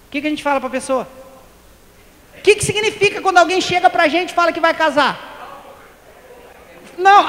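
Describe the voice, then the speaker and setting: A man's voice: very high-pitched, pushed and bright. A man giving a Spiritist lecture, telling humorous anecdotes and acting out the dialogues. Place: lecture hall. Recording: reverberant hall with faint hiss.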